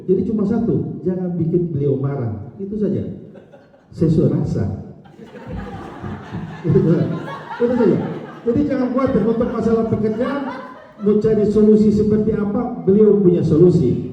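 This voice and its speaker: A man delivers a relaxed, humorous tribute, often laughing and slipping into quoted dialogue. His voice sits slightly high. It is caught from a distance in a large reverberant hall, with a dull, muffled sound. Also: normal speed, pauses often. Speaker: speaker giving a farewell tribute. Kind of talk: casual speech.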